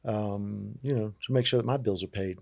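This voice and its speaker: A man in his fifties from Virginia, a guest telling his life story in a relaxed, candid, self-joking way. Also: fairly low pitch, moderate pace, creaky, no room sound, clean studio sound. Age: 50s. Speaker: interview guest. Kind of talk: casual storytelling conversation.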